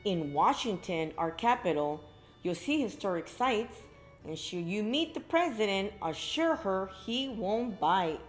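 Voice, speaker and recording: A middle-aged woman leads children's story time as a librarian, reading a picture book to young kids in a library room full of bookshelves. Her delivery is slow, her pitch swoops expressively, and she tosses exclaimed asides to the children, with faint music in the background.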